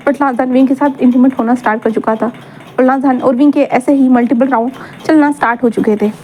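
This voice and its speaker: A woman's voice: high-pitched, fairly even intonation, quick pace, warm tone, a little hiss or hum. A woman narrating a fan story in a casual, chatty way, rambling and correcting herself as she goes.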